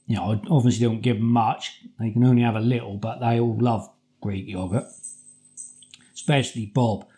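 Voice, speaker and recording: A middle-aged British man telling a personal story casually, in a halting, repetitive, colloquial way. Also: mid-range voice, fairly even intonation, dark tone. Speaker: vlogger.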